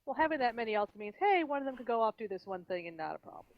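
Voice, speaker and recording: A woman playing a tabletop game talks quickly in a high, very lively voice. Her style is casual chat, and the sound is close and dry. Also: no room sound, muffled recording.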